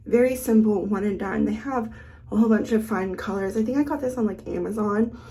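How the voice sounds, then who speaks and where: A beauty vlogger, a woman who's sick and losing her voice, chats casually through a get-ready-with-me makeup session. Her voice is mellow and medium-pitched, a little quick, and she thinks out loud as she applies each product.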